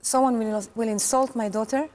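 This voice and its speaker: Bright-voiced woman in her forties, earnest. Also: a little high, fairly even intonation. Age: 40s. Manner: earnest, laughs often, halting English. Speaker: guest. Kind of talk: casual interview chat.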